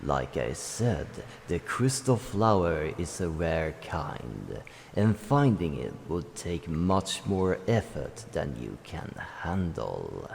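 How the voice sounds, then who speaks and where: In this fantasy game monologue, a man plays a protective old dragon who advises and warns with solemn wisdom. His full character voice is low and gravelly yet sing-song, moving through formal, grave phrases broken by deliberate pauses. Faint noise sits under a long, echoing reverb.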